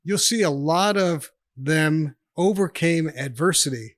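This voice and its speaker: A man in his sixties from New York State, USA, a retired army officer, tells stories as a podcast guest in a casual storytelling interview, chatty, rambling and laughing often. His voice is on the high side with a measured pace. The studio sound is clean, with no echo.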